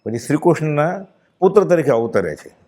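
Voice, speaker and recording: A man with a Gujarati accent giving a devotional discourse, chanting verses slowly and then explaining them in plain speech. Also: fairly high pitch, sing-song, darkish tone. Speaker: spiritual discourse speaker.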